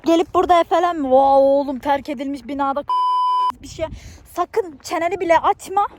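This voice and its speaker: A woman's voice: high voice, brisk, close to an everyday voice. A woman playing an exasperated young wife who vlogs and scolds her husband in a comedy sketch. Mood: ranting.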